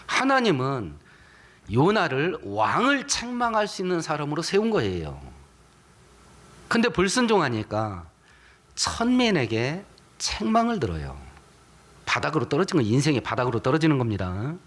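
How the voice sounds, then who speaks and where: A male pastor preaching with a fairly high, very animated voice that rises and falls sharply. He is emphatic and keeps putting rhetorical questions to his listeners. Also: normal speed. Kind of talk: sermon.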